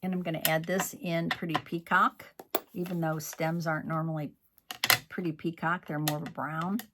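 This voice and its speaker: A man's voice: a little high, little pitch movement, moderate pace, background noise. A man demonstrating card-making in a chatty tutorial, scolding himself and muttering asides as he works. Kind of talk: crafting tutorial.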